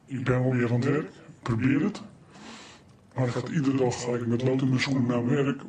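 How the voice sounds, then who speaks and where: A police officer speaking through a disguised, distorted voice, telling a flat, weary account. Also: male voice, a little fast, background noise. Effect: disguised, distorted deep voice.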